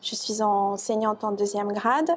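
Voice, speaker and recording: A woman's voice: mid-range voice, steady tone, moderate pace. A woman who works as a teacher, introducing herself in an interview. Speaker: second grade teacher.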